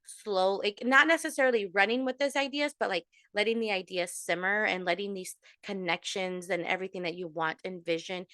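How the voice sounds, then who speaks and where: A woman's voice: medium pitch, sharp tone, no echo, clean studio sound. A woman giving a casual monthly tarot reading to her followers, chatty and full of fillers, sprinkling in Spanish endearments. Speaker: tarot reader.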